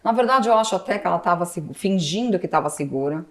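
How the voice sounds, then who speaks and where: A woman's voice: on the low side, quick pace. A grown daughter telling a moving family story in casual conversation, tearful at moments and acting out the dialogue she quotes. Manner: animated, acts out quoted dialogue. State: tearful at times.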